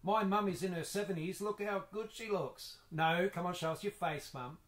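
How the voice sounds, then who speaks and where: A man's voice: high-pitched, moderate pace. A man with an Australian accent, interviewing family casually over a video call. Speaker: interviewer, grandson.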